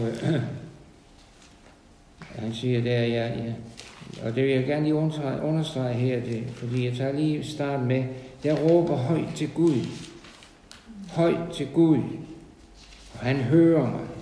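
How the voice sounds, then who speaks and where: A man giving an informal sermon to a small meeting, halting and repeating words, then rising to loud emphasis. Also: medium pitch, reverberant, long reverb tail, slight background noise, low-quality recording. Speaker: lay preacher.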